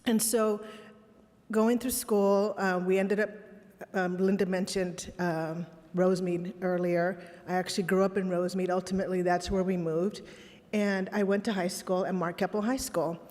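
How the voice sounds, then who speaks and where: Speaking at a moderate pace with fairly even intonation, this conference keynote speaker has a lowish, slightly mellow voice. She is middle-aged, grew up in Los Angeles after starting out in a Texas border town, and spoke Spanish first. Her talk is frank and reflective, mixing personal anecdotes with rhetorical questions, and the big hall adds long reverb.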